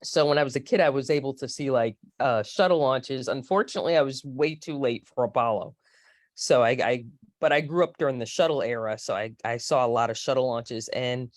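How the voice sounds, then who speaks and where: A woman's voice: very deep voice, no room sound, studio quality. A woman in her forties from Florida, a space historian telling rambling, chatty stories as an interview guest. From Florida, USA. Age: 40s. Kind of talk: casual interview.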